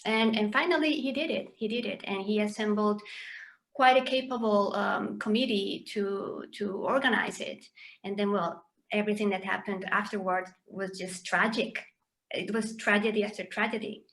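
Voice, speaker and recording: A woman's voice: medium pitch, normal speed, a bit bright. A woman from Chile, a journalist guesting on a podcast, talking in a hesitant way with many fillers and restarts. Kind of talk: podcast conversation.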